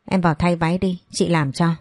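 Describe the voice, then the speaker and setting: A woman voicing a gentle, reassuring doctor. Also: fairly low pitch, fairly even intonation, fairly quick, no room sound, clean studio sound, close to an everyday voice. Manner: soft, reassuring. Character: gentle kindly female doctor.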